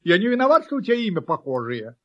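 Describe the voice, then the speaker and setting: A man's voice: high-pitched, wildly swooping pitch, fast talker, heavily acted. A man voicing a cheeky, playful male puppy in a storybook reading, brash and eager to argue. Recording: dull lo-fi recording.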